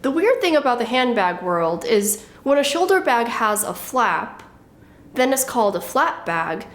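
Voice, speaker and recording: A woman's voice: on the high side, sing-song, measured pace, slight background noise. A woman in her thirties explaining things in a casual show-and-tell vlog, in a wry, matter-of-fact way. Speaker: fashion vlogger.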